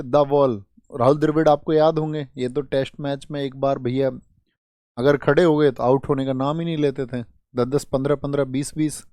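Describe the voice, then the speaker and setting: A man's voice: fairly high pitch, a little mellow, no room sound, studio quality. A young adult male teacher running an online exam-prep class, quizzing students by asking questions and answering them himself, sometimes scolding with exasperation. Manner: quizzing, asks then answers his own questions.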